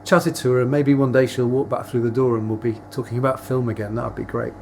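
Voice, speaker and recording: A man's voice: mid-range voice, fairly even intonation, fast talker, vocal fry, a little mellow, close to an everyday voice. Actor as friendly cinema guy in fake doc interview, wistful and rambly, bit of background noise. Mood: wistful, hopeful. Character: friendly cinema worker recalling a missing regular customer. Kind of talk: naturalistic mock-documentary interview.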